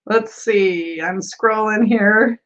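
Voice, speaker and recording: A woman's voice: medium pitch, takes it slowly, a bit bright, muffled recording. A woman hosting a tarot livestream, chatting casually, reading viewer comments aloud and laughing often. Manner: giggly and bubbly, laughs often.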